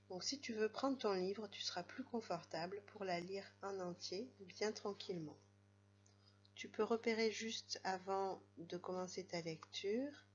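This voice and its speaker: French woman teacher for a kids' reading lesson; gentle, unhurried, slightly low voice, dull recording. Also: slight background noise. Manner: slow, gentle, patient, addresses the child directly. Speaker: primary school teacher.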